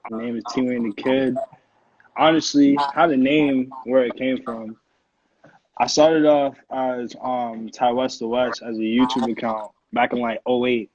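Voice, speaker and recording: Talking a little slowly in a mid-range, slightly mellow voice with fairly even intonation, a Connecticut music producer in his twenties speaks casually as an interview guest. His American-accented speech is slangy and profane, and the call audio sounds dull, roomy and lo-fi.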